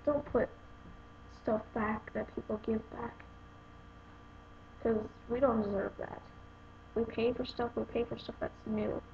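A woman's voice: a little high, gravelly. A young woman in a casual unboxing review, talking to her viewers in a rambling, exasperated way. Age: young adult. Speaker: vlogger reviewing a phone case. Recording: dull lo-fi home video with noise.

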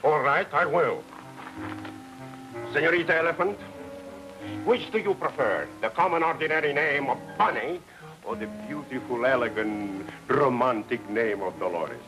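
An actor playing an excitable, romantic man, pleading in a theatrical, florid way. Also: medium pitch, normal speed, close to an everyday voice, rough recording. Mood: insistent. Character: excitable romantic man, doting on his elephant. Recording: 1940s film soundtrack with music.

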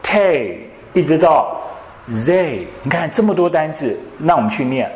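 A male English teacher, lecturing a classroom and quizzing students with quick questions. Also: fairly high pitch, expressive, a little mellow. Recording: echoey classroom.

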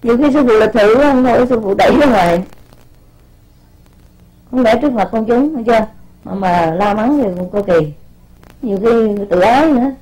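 High-voiced woman scolding her disciples. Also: expressive, normal speed, long pauses, mellow, slightly rough, poor audio. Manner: scolding, repeats words while searching, rhetorical questions. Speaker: spiritual teacher addressing disciples. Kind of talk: informal spoken sermon.

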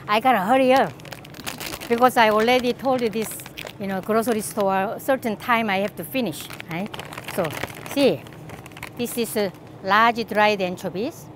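A woman's voice: medium pitch, measured pace, pauses often, background noise. A middle-aged woman from Korea with a Korean accent, chatting enthusiastically as she walks through a grocery store and shows products to the camera. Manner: chatty, enthusiastic, laughs often. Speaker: cooking channel host. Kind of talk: casual shopping walkthrough. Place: large grocery store aisles, indoors.

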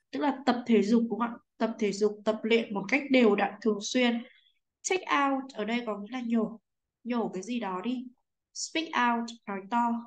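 A woman teacher with a Vietnamese accent guides a class through an English exercise. Her voice sits slightly high. She explains patiently and keeps asking whether students follow. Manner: patient, asks "right?" often. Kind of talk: explaining a textbook lesson.

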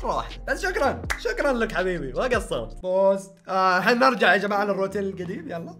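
A man's voice: sits high, sing-song, racing, sharp tone, soft background music. A young man, hosting a casual reaction vlog in a playful way and laughing often. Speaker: YouTuber host.

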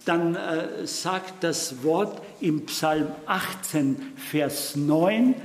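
A man preaching at a slow, deliberate pace, his voice a little high for a man. He presses key words with urgent repetition and stumbles now and then over Bible references. The long reverb of a church hall surrounds him, with faint room ambience underneath. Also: slight background noise. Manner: emphatic, repeats key words, urgent calls to wake up; halting with fillers and self-corrections when citing verses. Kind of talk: sermon. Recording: echoey hall, mic at a distance.

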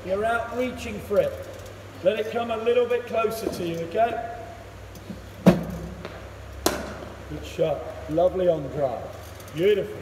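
Heard from a camera placed far across the net, this high-pitched man coaches a single player in an indoor cricket hall. His manner is brisk and encouraging, full of quick instructions and praise, while the echoey room and loud noise make him sound distant.

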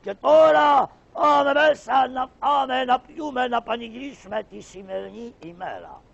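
A pompous pasha bellows orders in a high, gravelly voice that swings wildly up and down. He is hot-tempered and fond of grand proclamations, like a shadow-puppet stage lord. The recording sounds dull and lo-fi. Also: very animated, exaggerated voice. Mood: blessing. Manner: booming, bossy proclamations. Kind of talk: Greek shadow-puppet theater.

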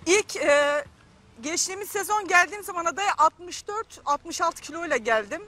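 A woman's voice: extremely high pitch, lively intonation, moderate pace, sharp tone. A young woman contestant answering a host's questions, a little shy and giggly. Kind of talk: on-camera interview answers.

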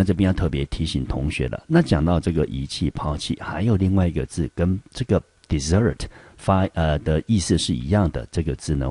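A man with a Taiwanese Mandarin accent teaching a recorded English vocabulary lesson to high school students, explaining patiently and talking to them directly. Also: mellow, slightly rough, no echo. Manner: explanatory, addresses students directly, frequent "好" and "呢" fillers.

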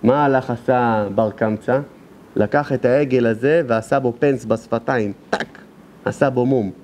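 A man giving a sermon as a rabbi, telling a story with animated, emphatic delivery. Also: mid-range voice, slight background noise. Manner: animated storytelling, acting out dialogue; emphatic exclamations.

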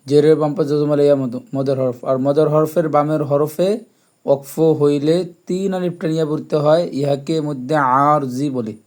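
A man teaching Quran reading, spelling out each letter and vowel mark, then chanting the syllables in long drawn-out tones. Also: on the high side, fairly even intonation, darkish tone. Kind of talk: slow spelled-out Quran recitation lesson.

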